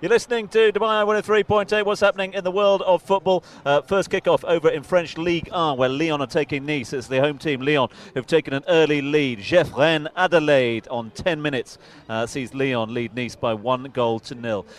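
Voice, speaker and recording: A man presenting a radio sports show, briskly reading football results with frequent fillers. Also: fairly high pitch, steady tone.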